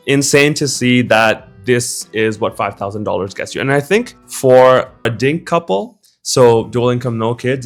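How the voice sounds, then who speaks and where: Young man, from Bangladesh, casual slangy vlog narration, mid pitch, faint background music. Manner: relaxed and chatty, casual slang. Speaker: vlogger touring apartments.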